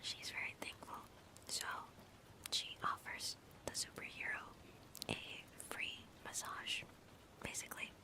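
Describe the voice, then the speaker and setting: A woman livestreamer in a whispered ASMR stream chat, softly thanking viewers and halting with fillers. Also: rough recording.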